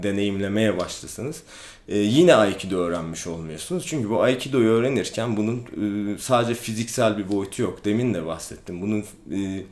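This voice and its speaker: A man, an aikido instructor, explains things calmly in a casual vlog, with many hesitant fillers. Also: fairly low pitch. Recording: echoey room.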